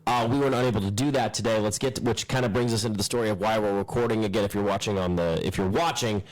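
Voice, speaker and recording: A man in his thirties co-hosting a casual home podcast at a kitchen table, talking in an animated, rambling way with many restarts. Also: on the low side, quick pace, rough recording. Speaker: podcast co-host. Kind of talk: casual chat.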